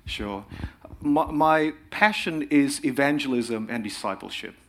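A man's voice: mid-range voice, lively intonation. Earnest Indonesian-born man giving a sermon. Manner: earnest, frequent filler pauses. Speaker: guest speaker. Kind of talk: sermon presentation.

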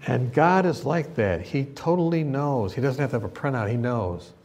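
A middle-aged male preacher with a playful, teasing delivery, speaking at a university gathering. He chuckles through his anecdotes and keeps asking the crowd questions. His pitch sits right in the ordinary middle range. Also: lively intonation, moderate pace, darkish tone. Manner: asks the crowd questions and gets them to answer back. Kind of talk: humorous sermon to students.

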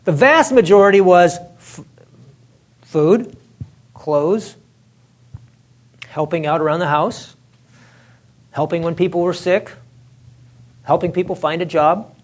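Speaking slowly with long pauses, a high-pitched man delivers an informal talk on religious history. He's animated and chatty, laughs a lot, and keeps saying "you know" and "it's like."

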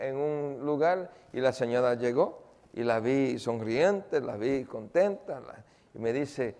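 A pastor preaching in a conversational way, his voice gravelly at the bottom of its range. He stops now and then to ask the congregation questions and fills his pauses. The sound carries a long reverb from the church hall. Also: mid-range voice, darkish tone. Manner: conversational, asks the congregation questions, many fillers. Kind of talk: sermon with storytelling.

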